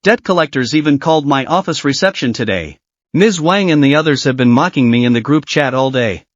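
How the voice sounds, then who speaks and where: A man's voice: medium pitch, lively intonation, brisk, no room sound, close to an everyday voice. A man voicing a vain, smug young wife who spends freely and talks with boastful scorn. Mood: angry. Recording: dry, dull lo-fi voice.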